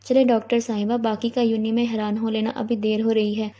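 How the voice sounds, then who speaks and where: A woman's voice: a little high, little pitch movement, mellow, close to an everyday voice. A woman reading the lines of a playful young man who teases his mother and sister, on a dull lo-fi recording. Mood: teasing. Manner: playful, teasing. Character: teasing young man, fond elder brother.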